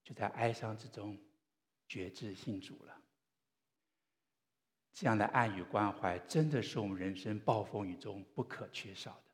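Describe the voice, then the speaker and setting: Man, pastor, sermon, earnest storytelling, lowish voice, long hall reverb. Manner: earnest storytelling with gentle pauses.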